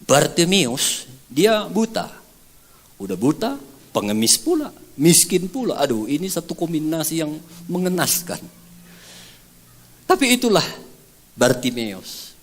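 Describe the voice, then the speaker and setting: A male pastor preaching a sermon, animated and acting out scenes. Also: unhurried, pauses often. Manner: animated, acting out scenes with big pitch swings.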